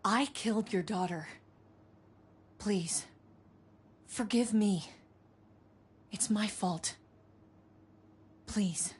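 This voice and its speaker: Earnest, slow-speaking survivor. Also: female voice, medium pitch, a little mellow, husky, full character voice. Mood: remorseful, pleading. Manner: earnest, imploring. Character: guilt-ridden, compassionate survivor woman, earnest and brave. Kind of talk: dramatic video game acting.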